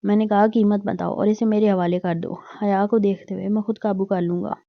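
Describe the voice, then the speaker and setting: A woman's voice: mid-range voice, fairly even intonation, a little fast, gravelly, no echo, dull audio, natural voice. Stern curt man, read by a female narrator, commanding, clipped.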